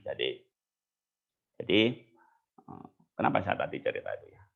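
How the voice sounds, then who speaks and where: A man's voice: deep voice, big pitch swings, moderate pace, vocal fry, fairly bright tone, slightly rough. A man telling stories in a casual, chatty sermon as a religious teacher. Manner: casual, chatty, mixes in local words. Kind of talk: storytelling sermon. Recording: tinny phone-like line.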